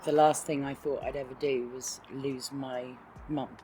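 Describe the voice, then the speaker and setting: A woman's voice: very deep voice, little pitch movement, a little slow, a crowd in the background. A woman in her fifties reflecting frankly in a documentary interview. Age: 50s.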